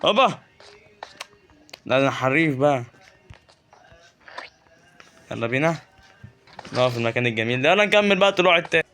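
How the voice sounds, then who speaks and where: Fast-talking Egyptian man playing a game. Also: mid-range voice, a bit bright. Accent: Egyptian Arabic. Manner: chatty, joking, talks to the game's creatures. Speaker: gaming YouTuber. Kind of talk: casual Let's Play commentary.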